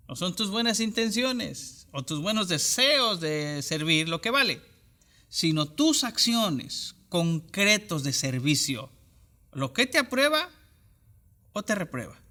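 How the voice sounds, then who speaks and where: A man preaching an online church sermon with a high, bright voice. He talks straight to his listener and stacks short parallel phrases for emphasis. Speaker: pastor.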